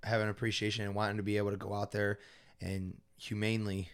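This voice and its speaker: A man's voice: lowish voice, little pitch movement, quick pace, fairly bright tone, clear, resonant tone. A man hosting a podcast, chatting in a rambling, enthusiastic way. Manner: enthusiastic, rambling, many fillers. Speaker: podcast host. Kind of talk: casual chat.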